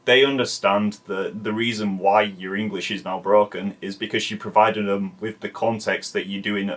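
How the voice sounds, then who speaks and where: Casual commentary host, a man with a lowish voice, relaxed and chatty. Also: normal speed. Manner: chatty, swears casually, lots of "like". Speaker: video essay host.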